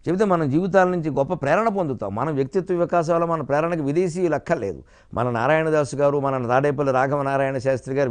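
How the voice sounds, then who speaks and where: An older man giving a spiritual discourse. He tells stories, quotes other people in voices of their own, chants verses slowly and chuckles now and then. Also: on the high side. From Godavari region, Andhra Pradesh. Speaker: spiritual lecturer. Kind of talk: Telugu discourse lecture.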